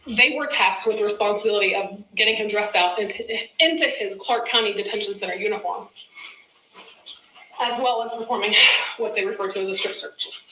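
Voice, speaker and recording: A woman prosecutor giving an opening statement in court, in measured, deliberate phrases. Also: mid-range voice, sharp tone. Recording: echoey courtroom, clear background noise.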